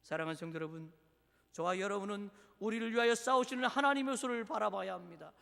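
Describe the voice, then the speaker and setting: A man preaching a sermon as pastor, dramatic, swinging from loud declarations to hushed near-whispers. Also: sits high, quick pace, creaky. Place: church sanctuary. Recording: church hall with long reverb.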